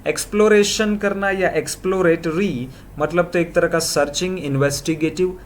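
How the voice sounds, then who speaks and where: Quick Hinglish vocab-teaching man. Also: on the high side, steady tone, a little hiss or hum. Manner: quick word-by-word synonym lists.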